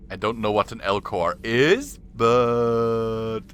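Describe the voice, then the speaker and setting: A man's voice: lowish voice, slow pace, a bit bright, slight background noise. A man streaming a game, casually musing and reacting aloud.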